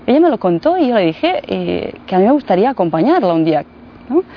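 A woman in her forties from Bosnia and Herzegovina, not a native speaker, telling her story in an interview with many fillers and pauses. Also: medium pitch, very animated. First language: Croatian. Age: 40s. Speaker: guest, translator and guide. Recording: muffled with faint noise.

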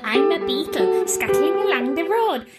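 A man's voice: very high-pitched, lively intonation, normal speed, over loud music, pitched above the performer's own voice. A man making silly sing-song vehicle and animal noises as a parody of ASMR. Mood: playful. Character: childish car, horse and beetle noises.

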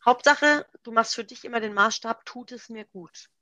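A woman's voice: on the high side, moderate pace, pushed and bright, dry recording, dull audio. German woman coach, dry close sound. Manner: practical, explanatory, gives worked examples. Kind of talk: interview guest explaining.

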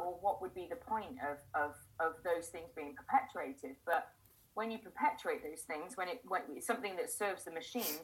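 A woman's voice: deep voice, a bit bright, poor audio. A woman hosting a conversational interview, talking earnestly and emphatically, often repeating words as she builds a point. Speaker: podcast host.

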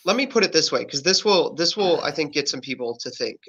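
A man's voice: fairly high pitch, expressive, brisk, fairly bright tone. A man explaining political ideas in a casual podcast discussion, earnest and often correcting his own wording. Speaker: podcast guest.

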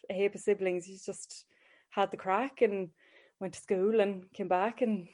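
Chatting casually as an interview guest on a podcast, a woman from County Galway with a west of Ireland accent tells personal anecdotes and pokes fun at herself. She is a mental health clinician, and her mid-range voice is steady and a little mellow at a measured pace.

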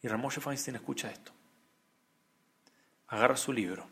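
A man's voice: medium pitch, normal speed, creaky, a bit bright. A man giving a storytelling sermon as a Torah teacher, building up emphatic, repeated phrases. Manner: rising, emphatic storytelling with many repetitions.

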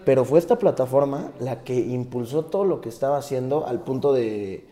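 A man's voice: mid-range voice, fairly quick, mellow. A young man from Tabasco with a Mexican accent, a rapper telling his story in a casual interview in an earnest, reflective way. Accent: Mexican Spanish. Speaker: guest, rapper.

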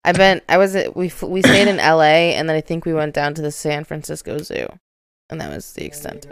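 A young woman co-hosting a casual podcast chat, animated and quick to laugh. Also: low-pitched, clean tone. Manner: animated, laughs often, shrieks when amused. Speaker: podcast co-host.

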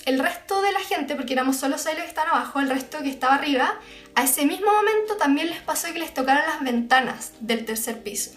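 A young Chilean woman in casual chat, telling a scary story in lively slang and acting out the screams and voices of the people in it. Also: high-pitched, reverberant. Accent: Chilean Spanish.

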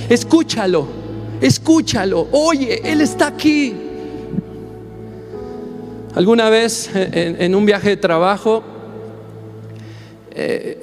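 A man preaching a sermon as pastor, impassioned and building to shouts. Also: high-pitched. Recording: long hall reverb, faint music behind.

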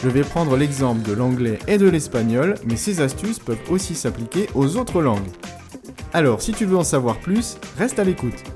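A man hosting a language-learning podcast, explaining pronunciation tips in a clear, didactic way, slowing down to model words. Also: medium pitch, very animated, over music. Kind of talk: scripted educational narration.

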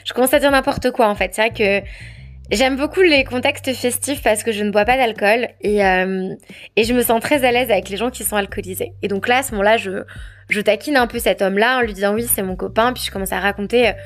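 A woman's voice: on the high side, brisk. A woman from France telling a personal anecdote in a candid, hesitant, conversational way. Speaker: storyteller. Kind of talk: personal anecdote told to camera.

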